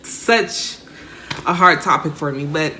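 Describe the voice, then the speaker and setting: A woman's voice: low voice, slow, pushed and bright, slight background noise. A young woman from Texas, talking candidly and rambling to her viewers in a heartfelt personal rant. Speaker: vlogger. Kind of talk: emotional personal rant to camera.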